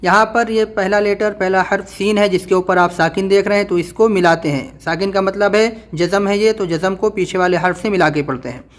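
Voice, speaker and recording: A man teaching Quran reading, drawing out letter sounds slowly and then explaining quickly. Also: high-pitched. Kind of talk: spelled-out reading lesson.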